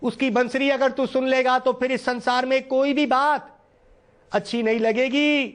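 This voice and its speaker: High-voiced man giving a devotional talk. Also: flat delivery, measured pace. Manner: recites verse then explains it line by line, earnest and pleading. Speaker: spiritual teacher. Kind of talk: devotional discourse explaining Sanskrit verse.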